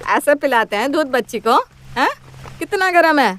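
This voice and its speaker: A woman's voice: sits high, lively intonation, normal speed, a bit bright. A woman voicing a bossy, quarrelsome older mother-in-law in a cartoon story, taunting and scolding.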